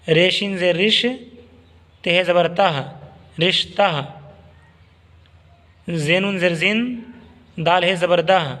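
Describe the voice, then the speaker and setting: A man's voice: sits high, fairly bright tone, in a large hall. A man teaching a beginner's Urdu reading lesson, spelling out each word syllable by syllable and adding short explanations. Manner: slow, syllable-by-syllable recitation with brief explanations.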